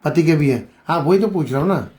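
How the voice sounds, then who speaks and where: A man's voice: on the high side, lively intonation, a little fast. A man questioning a couple, repeating each answer back and pressing them to speak up. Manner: probing, repeats answers back, urges louder speech; calls people beta. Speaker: interviewer. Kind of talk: on-the-spot questioning interview.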